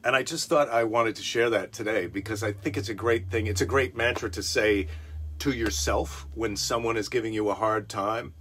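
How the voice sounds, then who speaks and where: A man's voice: fairly low pitch, normal speed, a bit bright, a little hiss or hum. A middle-aged man hosting a daily live stream, telling a rambling story with chuckles and self-corrections. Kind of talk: casual rambling monologue.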